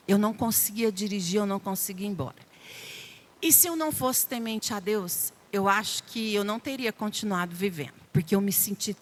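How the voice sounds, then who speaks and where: A woman's voice: medium pitch, fairly bright tone. A middle-aged Brazilian woman preaching a Mother's Day sermon in church. She shares an emotional personal testimony, speaks directly to the congregation and repeats phrases for emphasis.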